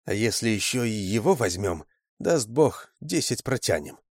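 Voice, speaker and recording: A man voicing a calm, matter-of-fact young woman in a storybook. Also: on the low side, moderate pace, dry recording, clean studio sound.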